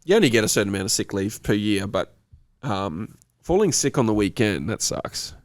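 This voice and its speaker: A man's voice: lowish voice, big pitch swings, normal speed, no echo. A man chatting casually as a podcast co-host, his voice nasal from a cold, laughing often as he talks. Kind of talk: casual chat.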